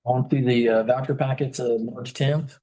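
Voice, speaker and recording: A man chairs a small-town council meeting in a council room, his voice at an ordinary middle pitch. He runs through the items politely and without fuss. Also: low-quality recording. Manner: relaxed and polite, moves items along briskly.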